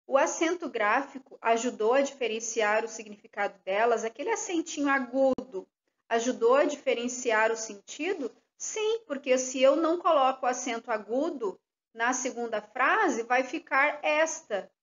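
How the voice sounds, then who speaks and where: A woman's voice: high voice, animated, moderate pace, highs cut off. A woman teacher, giving a recorded lesson and explaining each step patiently with questions.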